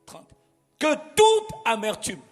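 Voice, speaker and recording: A man's voice: very high voice, very animated, takes it slowly, darkish tone, long reverb tail, soft background music. A man preaching a sermon. He preaches emphatically, asking the congregation to repeat words after him. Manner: emphatic, call-and-response preaching. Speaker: pastor.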